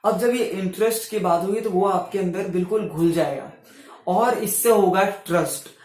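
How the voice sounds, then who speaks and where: A young man giving self-help tips to camera in a casual, animated way, swinging his voice between loud and soft on purpose. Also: sits high, moderate pace, echoey room. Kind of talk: casual motivational talk to camera.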